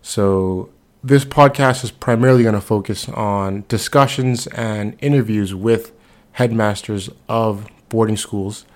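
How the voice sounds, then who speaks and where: Podcast host, twenties, from the Bahamas, lowish voice, easygoing and chatty. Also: male voice. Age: 20s. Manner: relaxed, conversational, with frequent fillers. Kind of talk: solo podcast introduction.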